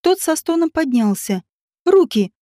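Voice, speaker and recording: A woman narrating an audiobook in a steady, even reading voice. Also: high-pitched, normal speed, no echo, studio quality. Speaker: audiobook reader. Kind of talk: scripted narration.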